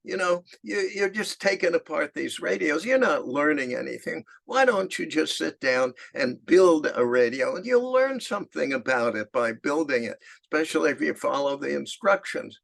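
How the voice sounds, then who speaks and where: Gruff, amused shopkeeper, gravelly and raised in pitch, blunt, calls people "kid"; older man doing the voice. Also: expressive, moderate pace, a bit bright, full character voice. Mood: coaxing. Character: gruff, good-humored middle-aged male radio shopkeeper.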